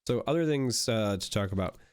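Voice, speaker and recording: A young man chats casually while opening card packs, rambling with plenty of fillers and restarts. His fairly low, expressive voice moves a little fast, with a slightly mellow, clear, resonant tone, though it's still a bit worn because he's recovering from an illness and hasn't fully got his voice back.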